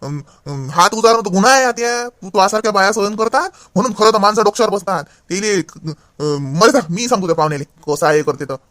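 A man's voice: high-pitched, a little fast, hardly any pauses, fairly bright tone, no echo, studio quality. A young man playing an educated nephew in a comedy skit, lecturing insistently. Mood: indignant.

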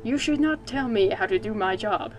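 A woman's voice: medium pitch, expressive, normal speed, faint music behind, lightly acted, rough recording. A woman playing a condescending male asylum doctor in a put-on British accent, with a clipped, patronizing bedside manner.

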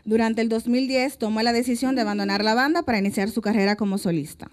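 Woman presenter, formal measured reading, handheld mic. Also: fairly high pitch, slight background noise. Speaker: event presenter. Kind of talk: reading a prepared biography.

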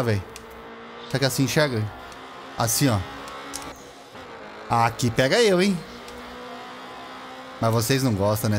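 Excitable young Brazilian man, lively pitch. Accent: Brazilian Portuguese. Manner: excitable, shouts and laughs at the game, slangy. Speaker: gameplay streamer. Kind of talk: casual gameplay commentary.

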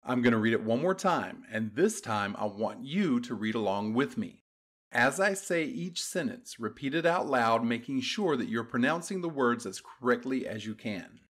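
A man teaching a beginners' language class, giving clear, patient step-by-step directions in a scripted voice-over. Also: mid-range voice, animated, normal speed, a bit bright. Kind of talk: scripted instructional narration.

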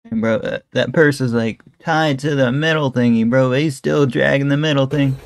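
This young man's gravelly, mid-range voice holds a steady tone at a moderate pace, with a little hiss or hum on the line. He's at home indoors, streaming a loose, rambling reaction through a headset on webcam, leaning on fillers such as "bro" and "guys."

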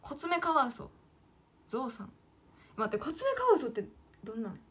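A husky, high, sing-song voice moves at a brisk clip as this late-teen idol streamer from Kyoto, Japan, draws on stream. She chats casually in Kyoto Kansai dialect, talking to herself, addressing her viewers, and calling herself by name.

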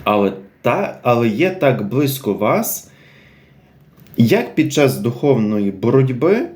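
A man speaking freely in a devotional series, his voice sitting at an ordinary middle pitch. He talks without a script, stopping on fillers, restarting words and repeating key phrases. He keeps asking his listeners "right?" as he goes. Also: big pitch swings, slow pace, darkish tone. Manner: unscripted, hesitant, many fillers, repeats phrases, asks "right?". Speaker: religious speaker presenting a series on a saint. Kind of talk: spiritual talk with a devotional greeting.

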